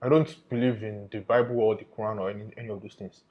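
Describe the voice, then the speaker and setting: A man's voice: fairly low pitch, fairly even intonation, fast. Emphatic man reporting, slightly dull sound. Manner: emphatic, repeats phrases. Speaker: undercover investigator presenter. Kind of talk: informal spoken report to viewers.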